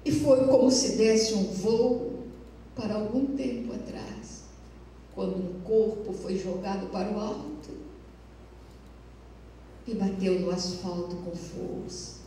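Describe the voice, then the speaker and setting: Slow, mellow woman telling a story. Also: medium pitch, a little hiss or hum. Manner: lyrical, measured storytelling. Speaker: spiritist lecturer. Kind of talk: storytelling in a spiritual lecture. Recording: echoey hall, mic far off.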